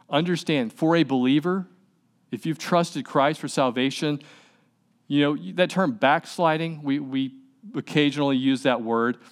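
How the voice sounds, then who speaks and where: A man preaching a sermon in a conversational way, asking rhetorical questions and repeating words as he stresses his points. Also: mid-range voice. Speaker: pastor.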